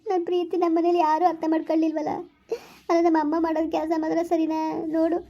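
A woman's voice: very high voice, level tone, fast talker, warm tone. A woman playing an anxious teenage girl who has run away with her lover, pleading and fretful. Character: teenage girl Navya, tearful, anxious runaway. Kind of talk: village skit acting. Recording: dull lo-fi recording.

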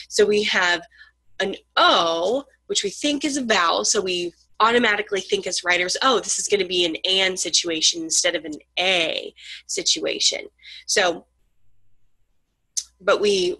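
A woman's voice: medium pitch, bright, forceful tone, no room sound, poor audio. A woman lecturing on grammar, explaining patiently with frequent ums and sounding out letters.

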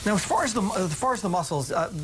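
A man's voice: sits high, expressive, fast talker, a little hiss or hum. A male TV host on a studio kitchen set, upbeat and teasing as he asks the chef questions. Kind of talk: lifestyle TV segment.

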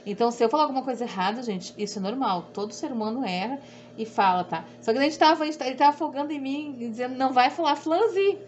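A woman's voice: fairly high pitch, rapid-fire. A middle-aged woman with a southern Brazilian accent, rambling and repeating herself in a chatty sewing tutorial. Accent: southern Brazilian Portuguese. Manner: rambling, repetitive, self-deprecating. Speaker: sewing instructor. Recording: dull audio with faint background hum.

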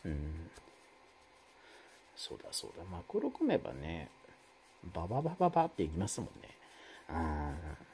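A man's voice: huge pitch swings, moderate pace, vocal fry, long pauses, mellow, slight background noise. A man hosting a live stream, chatting casually with viewers and reading their comments, rambling with many fillers. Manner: rambling, many fillers, wide swings in pitch.

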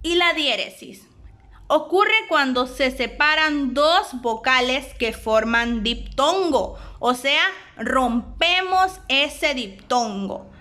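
A woman with a Honduran Spanish accent, giving a recorded grammar lesson and spelling out syllables deliberately. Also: high voice, bright, forceful tone. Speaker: teacher.

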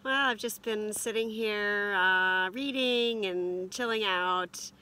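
A woman in her forties chatting casually to camera from inside a heated canvas tent, relaxed and rambling with lots of ums. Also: medium pitch, slow. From Canada. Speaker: camping vlogger. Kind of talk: casual vlog chat. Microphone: camera at arm's length and on a stand.

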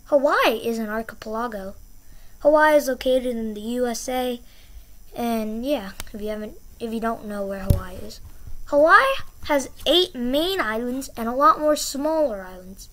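A woman's voice: fairly high pitch, expressive, normal speed, a bit bright, slight background noise. A woman hosting her own educational channel, explaining a topic in a chatty, encouraging way and repeating key words for emphasis. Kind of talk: casual explainer.

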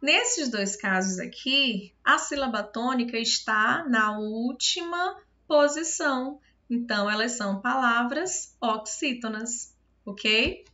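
A Brazilian woman teacher talks through a video lesson in a bright, fairly high voice. She goes step by step and keeps asking if everything is clear. The sound is muffled and lo-fi. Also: slow. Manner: patient, step-by-step, often checks understanding. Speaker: Portuguese teacher.

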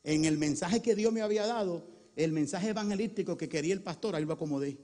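A man with a high voice preaches a Pentecostal sermon in a large church hall. He shifts between quiet, intimate storytelling and shouted bursts of fervor, repeatedly calling out to the brethren. His voice rings out with a long hall reverb. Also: quick pace. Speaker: pastor.

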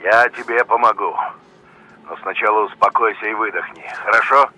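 A man's voice: lowish voice, normal speed, bright, forceful tone, slight background noise. A man playing a commanding, controlled sheriff negotiating in a dubbed game drama. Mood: calming, firm.

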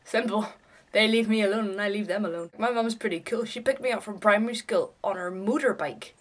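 Speaking fairly quickly in a mid-range voice, a young adult woman records a chatty vlog indoors in a small bedroom. Her manner is casual and irreverent, with offhand remarks and plenty of swearing.

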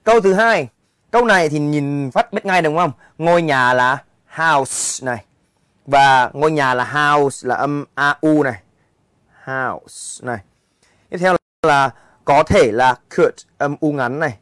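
Young guy teacher, kinda high voice, keeps asking "right?", dry sound. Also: a bit bright, dry recording. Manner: chatty, keeps checking in with students. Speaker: English teacher. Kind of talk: exam walkthrough lesson.

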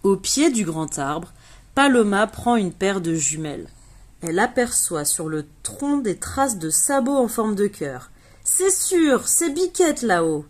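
A woman reading a children's storybook aloud, giving the characters bright, lively voices. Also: mid-range voice, unhurried. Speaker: reader of a children's book.

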